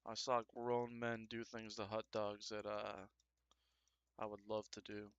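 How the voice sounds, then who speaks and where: A man's voice: lowish voice, flat delivery, measured pace, smooth, no echo, lo-fi sound. A man live-streaming as he sculpts, chatting casually and trading crude jokes with his viewers while he works. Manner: joking, crude banter with chat; talks while working.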